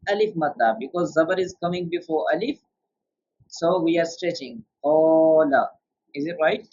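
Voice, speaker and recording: A man with a somewhat high voice leads a beginner's tajweed lesson. He explains rules one by one and keeps quizzing his student. The sound is muffled and lo-fi. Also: expressive, brisk. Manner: patient, quizzes the student with questions. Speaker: Quran tajweed teacher. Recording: dull lo-fi sound.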